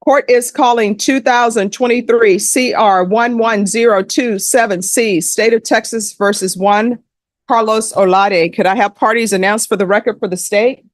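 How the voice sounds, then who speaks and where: A woman judge in a courtroom, reading legal admonishments and sentences in a measured, formal way. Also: fairly high pitch, steady tone, no room sound, studio quality.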